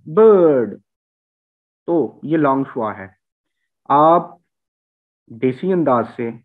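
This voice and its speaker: A man from Punjab teaching English vowel sounds in a lecture, repeating example words with heavy stress. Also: medium pitch. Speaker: language teacher. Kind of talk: spoken phonetics lecture. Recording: tinny phone-like sound.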